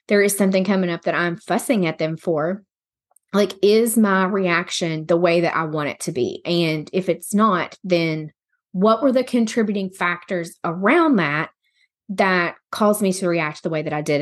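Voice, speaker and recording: A woman hosting a podcast, telling a personal story in a rambling, candid, conversational way. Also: mid-range voice. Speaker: podcast host. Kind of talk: casual personal storytelling monologue.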